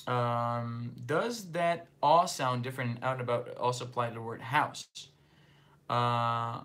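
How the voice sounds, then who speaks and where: Speaking in an unhurried, mid-range voice with a bit of brightness, a Portuguese-speaking man from northeastern Brazil hosts a laid-back livestream. His accent is slightly Brazilian. He goes through viewer comments and chats in a loose, rambling style full of fillers.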